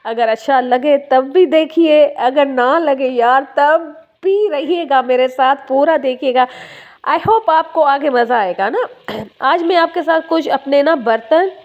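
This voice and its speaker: A woman's voice: a little high, lo-fi sound. Chatty woman vlogging at home. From Sindh, Pakistan. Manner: chatty, addresses viewers warmly with fillers. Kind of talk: casual voice-over narration. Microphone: phone.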